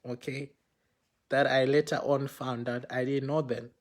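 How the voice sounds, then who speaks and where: A man's voice: mid-range voice, measured pace. A man casually telling a personal story to viewers, acting out the dialogue and using many fillers like "you know" and "okay". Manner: animated, acts out dialogue in retelling.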